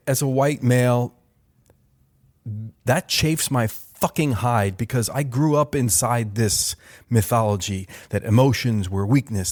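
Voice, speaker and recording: A man in his fifties speaks alone into his podcast mic, talking at an ordinary, middling pitch. His delivery is sardonic and loaded with wry asides and the odd curse. It sounds like a personal commentary show. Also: a little mellow. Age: 50s. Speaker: podcast host. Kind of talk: solo commentary monologue.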